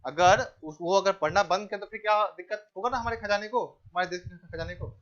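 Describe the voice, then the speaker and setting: A male teacher giving a classroom lecture, asking the class questions, answering them himself, repeating key names and telling the students to keep quiet. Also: sits high, fairly quick, dull audio. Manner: tells the class to keep quiet and pay attention.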